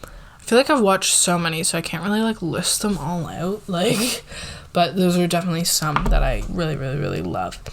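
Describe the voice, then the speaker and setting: A young woman of eighteen answers viewer questions in a soft, relaxed, casual way. Her voice sits a little on the low side. She often says "like" and sometimes drops to a whisper. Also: normal speed, noisy background. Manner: soft-spoken, relaxed, many "like" fillers, drifts into whispers. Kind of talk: casual Q&A chat.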